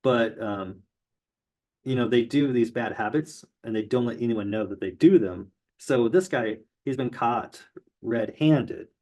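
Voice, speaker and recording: A man's voice: mid-range voice, unhurried, a little mellow. Male tarot teacher, loose conversational explainer, meandering with fillers. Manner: loose, rambling, many fillers. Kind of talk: casual explainer lesson.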